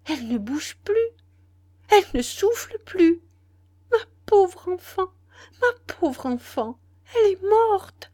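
A woman's voice: extremely slow, long pauses, dark tone, dry recording, studio quality, heavily acted. A woman voicing a grief-stricken servant who stammers and cries out over a dead girl in a storybook reading. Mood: sobbing, stricken. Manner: stammering, low-voiced then crying out.

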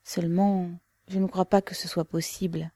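A woman voicing a loving, anxious older mother who speaks softly and with sighs. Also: on the low side, flat delivery, normal speed, no room sound, natural voice. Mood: tender.

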